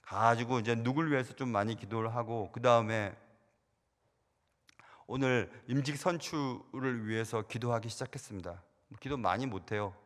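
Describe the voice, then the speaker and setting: A middle-aged man, a senior pastor, preaching a sermon and telling stories, his voice rising loud and then dropping quiet, with repeated words. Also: medium pitch, moderate pace. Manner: storytelling, swings from loud to hushed, repeats words. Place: church sanctuary. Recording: church sanctuary reverb.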